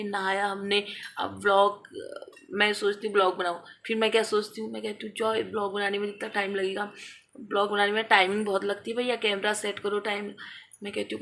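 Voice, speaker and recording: A young woman and mother chatting casually to her viewers in a home vlog, unhurried and friendly in tone. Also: mid-range voice, creaky, a bit bright. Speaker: family vlogger, mother. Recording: noisy home ambience in background.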